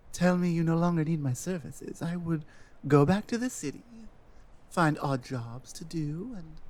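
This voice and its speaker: A man with a slightly high, mellow voice plays an earnest, self-doubting Nordic guide and adventuring companion in a roleplay audio drama, musing hesitantly.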